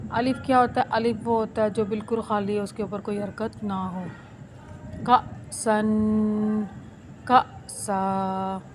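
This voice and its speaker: A woman teaching Quran recitation step by step. She spells each word out slowly, one syllable at a time, and then explains it quickly. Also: medium pitch, level tone, background noise.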